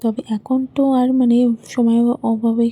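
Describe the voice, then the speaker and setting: A woman's voice: fairly high pitch, level tone, warm tone. A young woman, a mother of two little girls, chatting casually at home as she vlogs her day, rambling with lots of fillers. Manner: chatty, rambling, fills pauses with "I mean". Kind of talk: casual home vlog narration. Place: at home, bedroom and kitchen.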